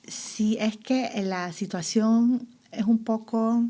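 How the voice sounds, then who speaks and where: A woman, a guest artist talking reflectively and pausing often to find her words. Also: a little high, steady tone, dark tone. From Panama. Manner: reflective, searching for words, many fillers. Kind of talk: casual conversation.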